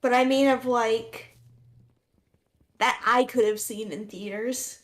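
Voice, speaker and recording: A woman in a casual chat while a game is played, excitable and shouting advice at the player. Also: on the high side, slow pace. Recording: echoey room.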